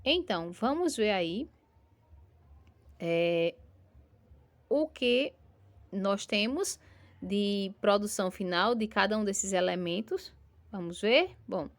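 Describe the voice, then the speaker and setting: A woman with a Brazilian Portuguese accent, working as a primary school teacher, records a lesson for young pupils. She has a mid-range voice, stretches out syllables with patience, and checks in constantly using tag questions.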